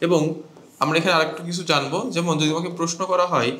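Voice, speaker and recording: A man's voice: fairly high pitch, fairly even intonation, rapid-fire, bright, forceful tone, roomy sound. A man teaching a grammar lesson to students, explaining step by step and asking them questions. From Bangladesh.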